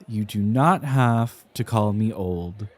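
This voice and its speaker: Kaveh, a man acting a theatrical, unhurried young scholar. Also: fairly low pitch. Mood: grudging, resigned. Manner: theatrical, enunciated, halting with sighs and flourishes. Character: flustered, dramatic, tipsy young male scholar, affectionately defensive. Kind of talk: ASMR roleplay, acted one-sided conversation.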